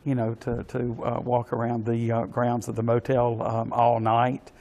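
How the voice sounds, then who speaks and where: Older guy, 60s, being interviewed, polite n formal, stops and starts a lot, medium pitch. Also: completely flat delivery, warm tone. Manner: halting and hesitant, with many pauses and repeated words. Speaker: interview guest, pageant organization official. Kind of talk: polite spoken interview answers.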